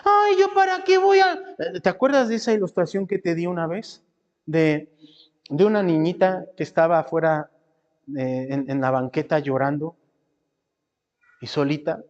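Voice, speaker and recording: A male pastor delivering a sermon, breaking into high mimicking voices and stretching out phrase endings. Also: normal speed, pauses often, a little mellow, dull audio. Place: church. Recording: reverberant church hall.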